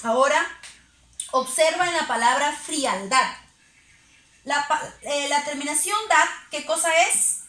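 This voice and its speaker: A woman's voice: high voice, unhurried, long pauses, pushed and bright, roomy sound. A woman teacher giving a recorded lesson, patiently asking questions and answering them herself. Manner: patient, asks and answers her own questions.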